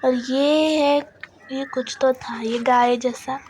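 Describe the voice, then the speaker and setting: A woman's voice: high voice, fairly even intonation, slow, darkish tone, a little hiss or hum. A woman narrating her own vlog in a chatty, self-mocking way. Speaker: vlogger. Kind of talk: casual vlog voice-over.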